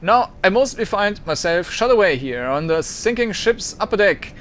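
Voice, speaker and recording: A man's voice: high voice, lively intonation, moderate pace, a bit bright, slight background noise, pitched above the performer's own voice. A man voicing a suave, decadent male socialite in a game, with a drawling, theatrical manner. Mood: haughty.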